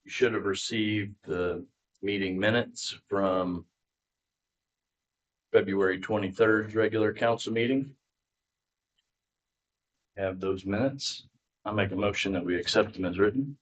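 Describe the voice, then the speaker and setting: A man's voice: on the low side, a little slow, pauses often. A man chairing a town council meeting in a town hall, talking in an easygoing, folksy way. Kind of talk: casual meeting chair talk.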